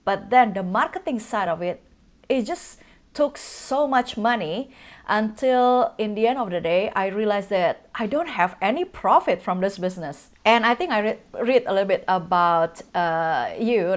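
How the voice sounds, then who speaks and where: Woman host, effusive and eager, mid-pitched everyday voice. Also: a little slow. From Indonesia. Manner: effusive, enthusiastic, hesitant phrasing. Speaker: podcast host. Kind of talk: casual interview conversation.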